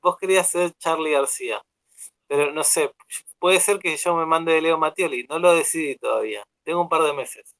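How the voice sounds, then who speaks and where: A young man with an Argentine accent co-hosting a casual radio chat show, rambling and relaxed with many fillers. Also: on the high side, moderate pace, gravelly. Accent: Argentine Spanish. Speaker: radio co-host.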